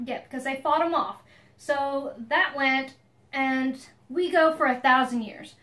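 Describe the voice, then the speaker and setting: A woman with a notably high voice walks through a story's history in an easy, playful way. Her tone is bright and clear, and she laughs often as she goes. She sounds like a relaxed co-host in casual conversation. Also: unhurried. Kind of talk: casual chat.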